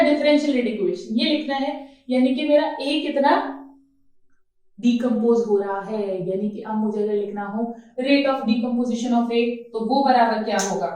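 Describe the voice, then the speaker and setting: A woman's voice: on the high side, darkish tone. A woman teaching a chemistry lecture. She talks in a coaxing way, keeps checking that her students follow, and addresses them affectionately. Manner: coaxing, checks understanding, calls students "beta". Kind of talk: classroom lecture. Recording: very echoey room, mic far off.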